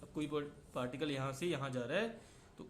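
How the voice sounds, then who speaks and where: A man with a fairly high voice teaches a physics class and moves through each idea step by step. He keeps checking that his students are following him. The recording has a roomy echo. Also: fairly quick, a little hiss or hum. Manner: explains step by step, often checks in with "है ना". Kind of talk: classroom lecture mixing Hindi and English.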